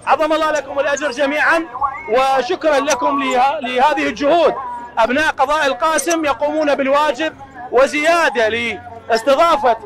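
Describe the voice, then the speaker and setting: A man with an Iraqi accent reporting live and asking brisk questions outdoors at a crowded procession. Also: very high-pitched. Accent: Iraqi Arabic. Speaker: field reporter. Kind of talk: live broadcast interview. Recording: crowd noise behind.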